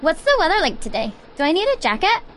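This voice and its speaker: High, animated, oblivious woman played by an actress. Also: fast talker, full character voice. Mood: clueless. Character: oblivious woman who trusts her phone over her eyes. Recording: loud car and rain noise.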